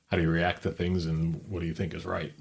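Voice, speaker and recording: Man, podcast co-host, very low voice, husky, relaxed and agreeable. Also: fast. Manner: easygoing, agreeable, lots of back-channel replies. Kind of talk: casual chat.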